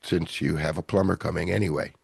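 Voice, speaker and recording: Deep gravelly rambling man. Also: fairly even intonation, fairly quick, a little mellow, no echo, clean studio sound. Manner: rambling, self-deprecating, chuckling. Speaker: podcast host. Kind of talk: casual podcast chat.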